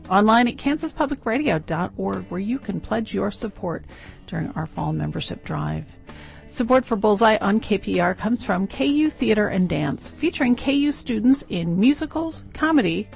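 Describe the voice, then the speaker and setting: A woman with a gravelly edge reads scripted station IDs and sponsor credits over a faint music bed. Her delivery is crisp and promotional. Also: medium pitch. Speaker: radio station announcer.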